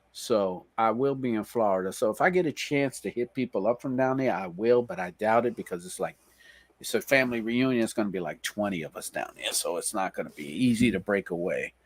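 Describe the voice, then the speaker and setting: A tired man with a New York accent hosting a casual live stream, laid-back and slangy, reading chat and giving shout-outs. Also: medium pitch, dry recording.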